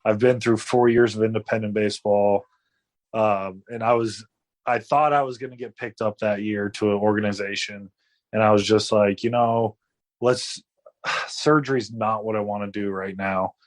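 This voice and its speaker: Late-twenties male guest, low-pitched, chatty and rambling. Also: steady tone, normal speed. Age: 20s. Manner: rambling, many fillers and restarts. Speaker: guest athlete. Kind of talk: casual interview storytelling.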